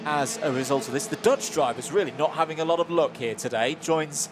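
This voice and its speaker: A man's voice: on the high side, a little fast, music in the background. A man giving live motorsport commentary from a trackside box, conversational and closely following the action. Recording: clear background track and engine noise. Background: outdoor race track ambience with vehicles.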